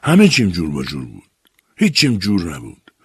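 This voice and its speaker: A man's voice: low voice, wildly swooping pitch, husky, no echo, exaggerated voice. A man voicing a bitter, weary father abandoned by his wife, speaking in a brooding lament in an audiobook story.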